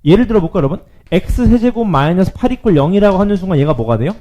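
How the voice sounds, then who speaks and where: A male math teacher giving a lively classroom lecture, often checking in with his students. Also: high voice, quick pace.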